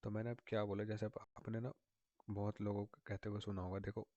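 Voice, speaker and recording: A male vocabulary teacher explains memory tricks step by step, repeating himself and checking in with his students. His voice sits low and stays fairly level, and it is recorded close up in a dry room with no echo. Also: flat delivery, fairly quick, warm tone, highs cut off. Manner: patient, repetitive, often checks in with "theek hai na".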